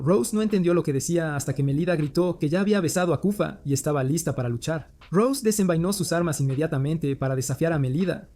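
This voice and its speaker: Man, scripted recap narration, rapid delivery, warm tone, soft background music. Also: a little high. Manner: fast steady storytelling. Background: faint music.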